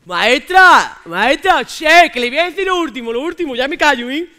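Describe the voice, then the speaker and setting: A woman's voice: high-pitched, very fast, bright, forceful tone. A woman playing a brash young heckler from Jaén. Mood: restless. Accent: Andalusian, from Jaén. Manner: brash, indignant, keeps calling out "maestra". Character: cocky loudmouth young man heckling from the audience. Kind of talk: stand-up character sketch on stage.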